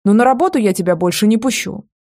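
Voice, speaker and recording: A woman voicing a fussy, bossy old grandmother who is hard of hearing and talks loudly in exclamations. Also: medium pitch, lively intonation, fast talker, close to an everyday voice. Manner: loud, shouting, exclamatory.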